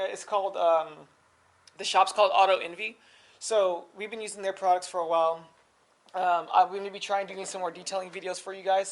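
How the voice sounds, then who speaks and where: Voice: mid-range voice, a little hiss or hum. A car vlogger talking casually and loosely with lots of fillers, out of breath while setting up a pressure washer outdoors by a car. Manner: rambling, loose, many fillers. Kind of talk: casual vlog talk.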